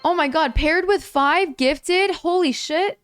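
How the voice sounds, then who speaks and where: Over music, a young gaming livestreamer talks slowly and casually with her viewers, her voice somewhat lower and frayed from the long stream. Donations set her off into bursts of high, excited thanks.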